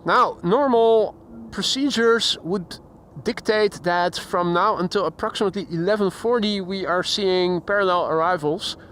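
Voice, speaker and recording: A Dutch man with a Dutch accent hosts a live plane spotting stream outdoors by an airport, using a handheld shotgun mic. He chats casually at a normal speed with hardly any pauses, reading chat messages aloud and imitating sounds. His high voice is a bit bright, with slight background noise.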